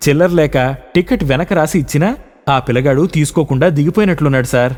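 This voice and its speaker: A man's voice: a little high, quick pace, darkish tone, in a large hall, close to an everyday voice. Man reading as a nervous pleading bus conductor. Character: anxious middle-aged male bus conductor.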